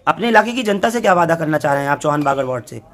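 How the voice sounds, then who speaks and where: A man's voice: on the high side, animated, rapid-fire. A male reporter asking pointed, persistent interview questions. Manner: probing, persistent.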